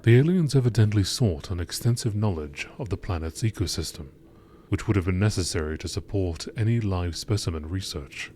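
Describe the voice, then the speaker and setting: A low-pitched male voice, dark in tone, delivers game lore briskly and with animation, following a nature documentary script style. Background ambience is plainly noisy.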